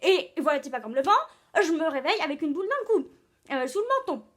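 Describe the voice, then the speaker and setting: A woman acts out a self-pitying aunt who relishes every gory detail of her illnesses. Her voice sits high and she rushes on breathlessly from one complaint to the next, with plenty of fillers. It is theatrical, stage-style acting. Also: animated. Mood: dramatic. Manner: breathless, dramatic storytelling with many fillers. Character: chatty hypochondriac older aunt on a video call. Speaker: drama student.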